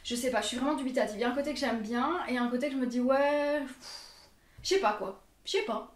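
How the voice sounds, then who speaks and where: A woman's voice: sits high, fast talker, a little hiss or hum. Belgian woman, young, talkative and self-deprecating vlogger; roomy echo, a step from the mic. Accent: Belgian French. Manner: chatty, self-mocking, laughs often. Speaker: fashion vlogger. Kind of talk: casual try-on haul chat. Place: bedroom with mirror. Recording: echoey room, mic at a distance.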